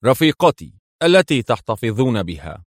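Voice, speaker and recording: Brief: man doing a cool, confident secret agent, calm delivery, dry close sound. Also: mid-range voice, normal speed, dry recording. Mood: calm, assured.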